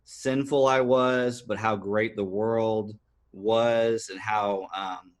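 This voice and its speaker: A man's voice: lowish voice, fairly even intonation, slow. A man in his thirties, a podcast guest, telling his life story earnestly, with many fillers and restarts. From United States. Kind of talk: personal storytelling interview.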